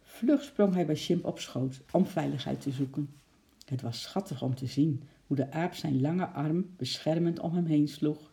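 Mellow-voiced woman reading a children's story. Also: low voice, a little slow, gravelly. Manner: lively, expressive reading with suspenseful questions.

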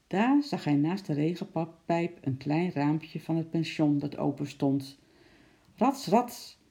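A reader telling a children's story in a steady, unhurried way. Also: mid-range voice.

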